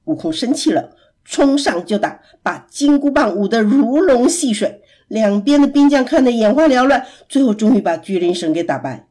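A woman narrating a children's story with an expressive, dramatic reading. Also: on the high side, normal speed.

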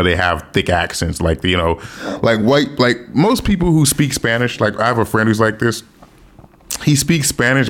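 A man from the United States chatting casually and slangily, with some swearing and bits of Spanish mixed in. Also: lowish voice. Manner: slangy, profane, mixes in Spanish phrases. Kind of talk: casual chat about language learning.

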